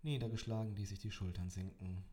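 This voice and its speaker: A man's voice: fairly low pitch, fairly even intonation, fairly quick, warm tone. A man in his twenties narrating an audiobook in the first person, with dry, wry delivery. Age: 20s.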